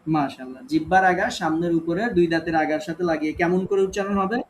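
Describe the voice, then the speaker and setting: A man's voice: a little high, fairly even intonation, fast, slight background noise. A man teaching Quran recitation in an online class, with a Bangladeshi Bengali accent, calling on students one by one and patiently correcting their reading.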